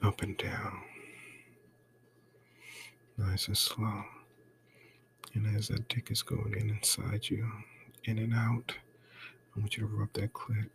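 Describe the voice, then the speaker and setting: A man doing an intimate ASMR role-play right in your ear, breathy and coaxing, close to the mic. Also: completely flat delivery, takes it slowly, long pauses, slight background noise. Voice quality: breathy, mostly soft-spoken low voice.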